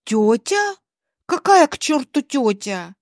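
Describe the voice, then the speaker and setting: A woman's voice: fairly high pitch, sing-song, extremely slow, no echo, studio quality, heavily acted. Woman reading as an angry young wife. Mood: furious. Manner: sharp, shouting commands. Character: young wife, furious and sharp-tongued.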